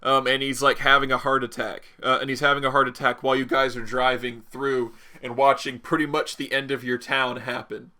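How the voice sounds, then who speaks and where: A man's voice: mid-range voice, level tone, fairly quick, few pauses, sharp tone. A man game master improvising story narration in a casual, rambling way, often revising his phrases.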